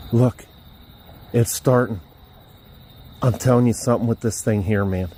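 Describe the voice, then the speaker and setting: A man's voice: mid-range voice, steady tone, unhurried, warm tone, a little hiss or hum. A man filming a ghost hunt outdoors at night by crypts, shaken and exclaiming as he talks to viewers. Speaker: paranormal investigator. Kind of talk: handheld ghost-hunting vlog.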